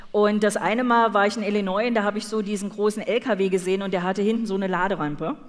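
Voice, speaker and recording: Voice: mid-range voice, steady tone, fast. An interpreter rendering a sermon phrase by phrase, following closely with fillers and small restarts. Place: large church hall. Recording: reverberant church hall.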